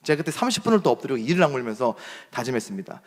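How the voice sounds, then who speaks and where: A young man preaching as a pastor, speaking standard Seoul Korean as an animated storyteller. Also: medium pitch, racing. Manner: animated storyteller acting out shouted quotes. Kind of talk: sermon with storytelling. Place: church hall. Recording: long reverb of a church hall.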